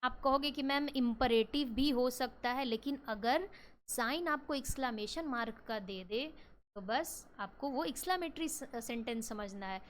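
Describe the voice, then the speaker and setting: A woman with an Indian accent teaching English grammar in a lesson, reading examples out slowly and explaining them with rhetorical questions. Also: high voice, slight background noise. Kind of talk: classroom lesson in Hindi and English.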